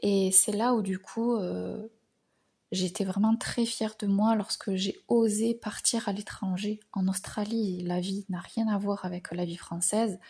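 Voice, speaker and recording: A woman from France hosting an astrology talk, speaking in a reflective, hesitant monologue with many pauses and phrase endings that trail off into whispers. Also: medium pitch, fairly even intonation, warm tone, breathy edge. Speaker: astrology channel host.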